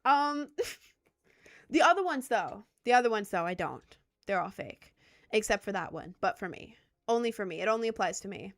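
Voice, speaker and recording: Talking casually with her viewers on a livestream, this twentysomething content creator from Maryland, USA wanders from topic to topic and makes self-deprecating jokes. Her mid-range voice has lively intonation and a fairly bright tone at a moderate pace, with a light Southern accent blended with New York.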